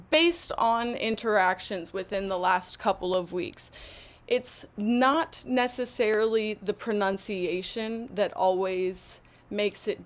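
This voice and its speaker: Slow-speaking woman teaching an online English lesson. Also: mid-range voice. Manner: slow, deliberate, encouraging speech. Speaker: English teacher hosting a live session.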